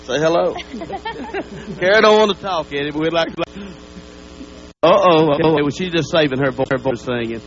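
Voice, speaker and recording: Man briskly introducing guests. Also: fairly high pitch, expressive. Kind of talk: live TV introductions. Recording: dull lo-fi broadcast tape with hum.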